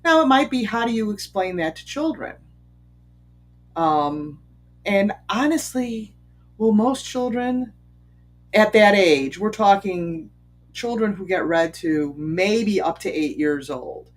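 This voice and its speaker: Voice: medium pitch, expressive, takes it slowly. A speaker giving unscripted commentary, talking conversationally, asking many rhetorical questions and often saying um or restarting phrases. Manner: frequent ums and restarted phrases. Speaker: commentator on bias. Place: Chicago area.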